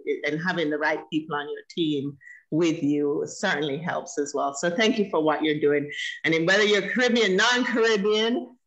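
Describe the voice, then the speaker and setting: Enthusiastic woman host, bright tone, casual interviewer. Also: low voice, highs cut off. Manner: enthusiastic, grateful, laughing easily.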